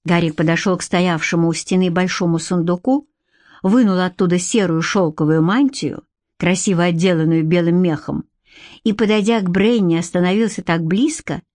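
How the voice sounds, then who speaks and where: A woman narrating a romance audiobook in an even, measured storytelling manner. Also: on the low side, dry recording, clean studio sound. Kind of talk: scripted narration.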